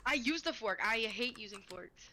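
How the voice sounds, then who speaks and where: Woman, casual voice chat, trailing off, bright voice, slight background hiss. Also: a little high, expressive, normal speed. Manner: chatty, trailing off mid-thought.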